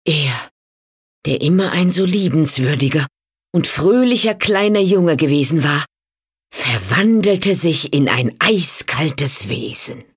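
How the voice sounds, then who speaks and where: A woman narrating a fairy tale in a slow, dramatic storytelling manner that speaks to the listener. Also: low voice, animated, husky. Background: faint music.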